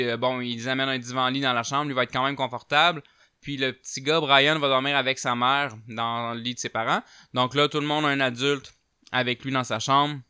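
A man with a Québécois accent casually telling a paranormal story, chatty with many fillers, getting loud at tense moments. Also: medium pitch, clean tone, no room sound, studio quality.

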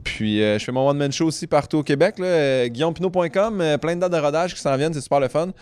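A man's voice: a little high, fast talker, a little mellow, clear, resonant tone, no echo. A man with a Québécois accent, a comedian guest chatting casually with dry joking asides. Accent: Québécois French. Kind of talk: casual chat.

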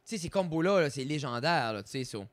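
Guy on a podcast, kinda high voice, teasing, dry close mic. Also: lively intonation, fairly quick, dry recording. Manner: teasing, mixes English into French. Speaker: podcast co-host. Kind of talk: casual chat.

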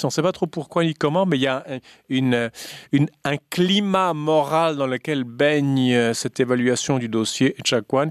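A man with a Québécois French accent hosting a radio talk show, measured and halting, with fillers and restarts. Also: mid-range voice, dry recording, clean studio sound.

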